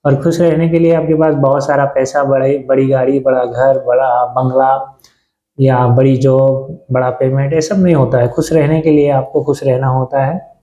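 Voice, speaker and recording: A man in his thirties chatting reflectively to camera in a halting way, pausing and restarting often. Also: mid-range voice, little pitch movement, warm tone, echoey room, highs cut off. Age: 30s. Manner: halting, with many pauses and restarts. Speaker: vlogger. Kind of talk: casual reflective talk to camera.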